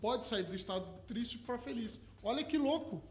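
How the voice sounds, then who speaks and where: High-voiced man, eager radio guest. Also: animated, moderate pace. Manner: eager, explains with everyday examples. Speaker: hypnotherapist guest. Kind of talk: radio interview. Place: radio studio.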